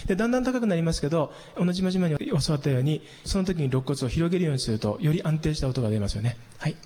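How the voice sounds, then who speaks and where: A man teaching a singing lesson, explaining patiently and calmly, with hummed demonstrations. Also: on the high side, racing. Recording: long hall reverb.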